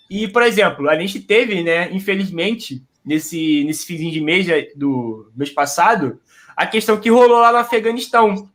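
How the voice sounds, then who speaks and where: A man from Belford Roxo, a guest who makes history memes, answering in a relaxed, slangy way. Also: high voice. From Belford Roxo, Brazil. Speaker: guest, history meme creator. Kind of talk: casual interview answers.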